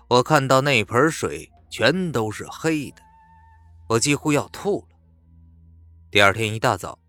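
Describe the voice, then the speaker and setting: A man reading a scripted horror story aloud in a lively, expressive way. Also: mid-range voice, no room sound. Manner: lively, expressive, acts out dialogue. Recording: dry close mic with faint music bed.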